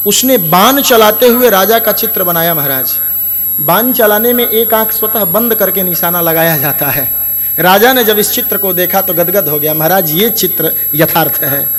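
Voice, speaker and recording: A man giving a devotional Hindi sermon. He chants Sanskrit verses slowly and then explains them in plain talk, calling his listeners brothers. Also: high voice. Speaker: Bhagwat Katha preacher. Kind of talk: devotional sermon with scripture recitation.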